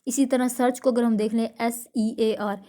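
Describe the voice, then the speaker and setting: A woman teacher lectures in a mellow, warm voice that sits a little high. She reads English definitions out slowly and then explains them in Hindi, checking in with her listeners again and again. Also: fairly even intonation. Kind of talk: classroom lecture.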